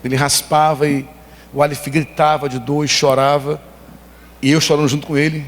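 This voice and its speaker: A Brazilian-accented man preaching a sermon in a church, telling stories with emphatic, animated emotion. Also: on the high side, normal speed. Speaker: pastor. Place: church hall. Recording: long church hall reverb.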